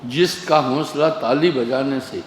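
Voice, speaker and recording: In a mid-range voice, a male spiritual teacher gives a sermon full of anecdotes, taking his time and telling stories with easygoing humor. Long reverb from an echoey hall fills the recording, along with a little background noise.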